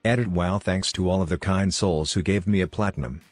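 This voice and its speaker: A man reading a story in first person with a plain, even delivery. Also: sits low, a little fast, no echo. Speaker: story narrator. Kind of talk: scripted story narration. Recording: dry close voice, faint background music.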